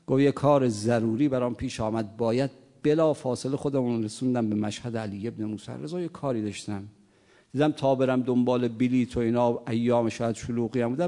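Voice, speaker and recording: Male preacher, gravelly voice, telling a story in a sermon, acting out the dialogue. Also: mid-range voice, mellow, in a large hall. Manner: storytelling with acted quotes and dialogue.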